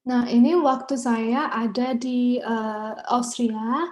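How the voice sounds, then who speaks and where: A woman's voice: fairly high pitch, fairly even intonation, slow, a little mellow. A woman with an Indonesian accent, a teacher giving an informal online presentation as guest speaker.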